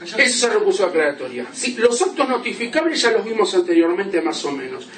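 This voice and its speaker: A male law lecturer with a high-sitting voice and big pitch swings speaks a little fast over crowd noise. He lectures a class through examples, often checking in with "¿sí?", recorded from a distance in a roomy classroom.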